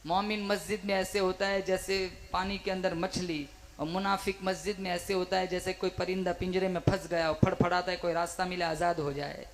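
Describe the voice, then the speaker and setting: A man's voice: high voice, flat delivery, moderate pace, a little hiss or hum. A male preacher giving a fervent sermon, rousing the listeners and calling on them to answer back. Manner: fervent, rousing, calls for crowd responses.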